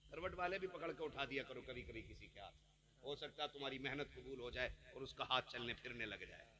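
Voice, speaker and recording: A man preaching a sermon dramatically, dropping to hushed asides and rising to shouts. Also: mid-range voice, fast talker. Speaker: Islamic preacher.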